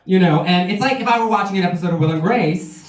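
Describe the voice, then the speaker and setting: A man's voice: sits high, fast talker. A man doing a stand-up comedy set at a benefit show, making self-deprecating, confessional jokes, secretly recorded from the audience. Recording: distant echoey bootleg with loud noise.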